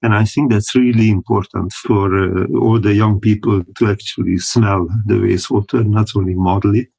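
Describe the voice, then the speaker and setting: A man talks through his answers at an unhurried pace, pausing often to find the right word. His voice sits a little low and has a husky edge. He sounds like a guest speaking from home over a remote call. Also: steady tone, mellow, low-quality recording. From Hungary. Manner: unhurried and thoughtful, many pauses, chuckles between thoughts. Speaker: guest, company founder. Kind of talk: casual interview talk.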